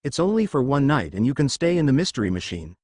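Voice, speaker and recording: A man's voice: medium pitch, big pitch swings, quick pace, a little mellow, no room sound. Brief: upbeat teen leader, matter-of-fact, dry close sound, read by a man. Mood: cheerful. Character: upbeat teen boy leader, eager planner.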